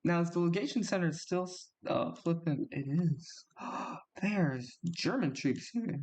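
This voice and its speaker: A man talks through his strategy game in a relaxed, unhurried way, his voice sitting a little higher than most. He muses aloud and reacts to each turn with small exclamations. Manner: chatty, reacts aloud with gasps and laughs while playing. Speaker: gaming YouTuber. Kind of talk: casual strategy game commentary.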